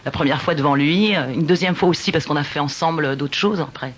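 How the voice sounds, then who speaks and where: A woman singer-songwriter telling stories in a casual radio interview, talking in an animated, halting way with many restarts. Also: low-pitched, slightly rough.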